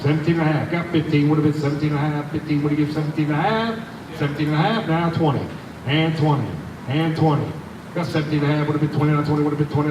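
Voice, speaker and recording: A man working as an auctioneer, calling bids in a repetitive sing-song chant. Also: a little high. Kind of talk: live auctioneer chant, rattled-off repeated bids. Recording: roomy, distant, noisy live auction recording.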